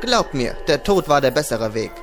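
A man voicing an old man who speaks calmly and consolingly, over background music. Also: a little high, normal speed. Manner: calm, consoling, matter-of-fact. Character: old man, calm and sober comrade.

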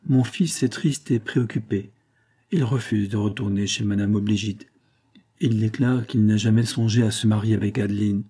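A man's voice: fairly low pitch, fairly even intonation, normal speed, mellow, husky. A man voicing an anxious, tearful older mother in an audiobook reading, speaking in a pleading, emotional way.

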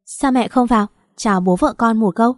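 A woman narrates as a soft-spoken, devoted young husband in a storybook reading. His tone is warm and mellow, and the dry, close sound leaves no room echo. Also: a little high, fairly quick, natural voice. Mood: tender. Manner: soft and affectionate. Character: gentle doting young husband.

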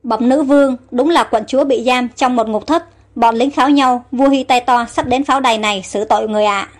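High-voiced dutiful male scout, read by a woman, respectful and steady. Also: brisk, faint music behind, lightly acted. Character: loyal male scout serving a queen.

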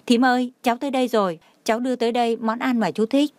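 A woman's voice: fairly high pitch, steady tone, fast talker, darkish tone, dry recording, natural voice. A woman voicing a tearful young woman who sobs and pleads for forgiveness. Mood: sobbing. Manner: sobbing, pleading.

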